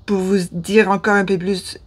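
This Ottawa vlogger, a woman in her fifties with a Canadian French accent, speaks at normal speed in a mid-range, level voice with a breathy edge. Her casual talk to camera, recorded in a small indoor room, is hesitant, with frequent lost words and restarts.

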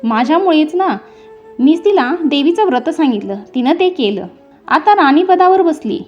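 A woman's voice: high voice, lively intonation, moderate pace, a little mellow, muffled recording, soft background music. A woman voicing an angry old beggar woman who scolds bitterly in a storybook telling. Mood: bitter scolding.

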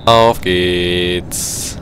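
Male co-player, low register, brief casual game remarks, faint vehicle ambience. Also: fairly even intonation, extremely slow. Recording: faint engine noise behind voice.

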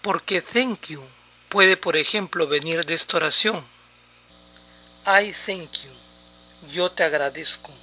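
Slow, bright-voiced man teaching English. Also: on the high side. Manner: repeats English words slowly for pronunciation drills. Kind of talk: slow, deliberate language lesson.

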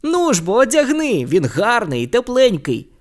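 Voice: medium pitch, wildly swooping pitch, normal speed, pitched above the performer's own voice. The audiobook reader voices a teasing wizard brother with a chirpy manner. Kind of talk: audiobook character reading.

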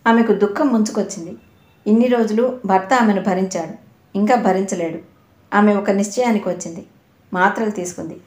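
Woman reading a novel aloud, steady dramatic telling, echoey room, mid pitch. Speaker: narrator.

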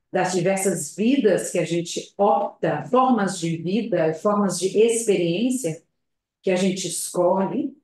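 A woman gives a public talk at a spiritist center over a video call. She speaks in a slow, reflective, hesitant way, often adding tag questions. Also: fairly low pitch, darkish tone. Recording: very echoey room.

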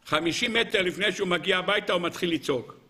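A man teaching as a rabbi, telling a parable in a lively way and asking his audience rhetorical questions. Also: high voice. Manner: lively storyteller who acts out characters. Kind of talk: Torah lesson with a parable.

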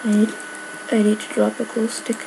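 A woman's voice: mid-range voice, little pitch movement, normal speed, vocal fry, background noise. A woman giving casual gameplay commentary, rambling with lots of filler words. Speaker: gamer.

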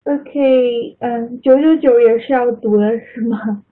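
A woman's voice: a little high, steady tone, slow. A woman teaching English pronunciation in an online class, patiently correcting students and calling on them by name over video call. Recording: tinny online call audio.

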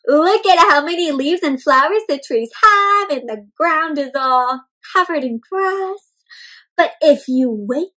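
In a room decorated with houseplants, a young woman storyteller reads a picture book to young children in an extremely high-pitched voice. Her delivery is lively and over the top, full of gasps and drawn-out words. She keeps questioning her young listeners and speaks to them like friends.

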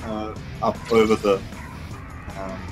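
A man doing play-by-play esports commentary, rambling and excitable, with lots of fillers. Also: fairly low pitch, slow. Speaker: esports caster. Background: background music.

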